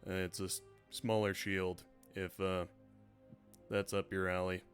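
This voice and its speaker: A man voicing an earnest, bland cat shop employee with hesitant, monotone sales patter. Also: sits low, measured pace, faint music behind. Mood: hesitant selling.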